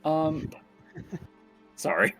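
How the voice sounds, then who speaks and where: A man playing a tabletop game, chatting casually in a jokey, excitable manner. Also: a little high, very slow, vocal fry, soft background music. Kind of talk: casual joking chat.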